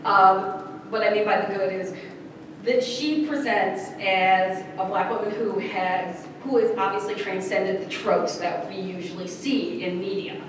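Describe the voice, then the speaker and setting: A woman's voice: medium pitch, measured pace. A woman moderating a convention panel, joking and playful as she sets the rules and asks for examples. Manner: playful, joking, laughs often. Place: large echoey convention room. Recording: echoey hall recording from far off, with noise.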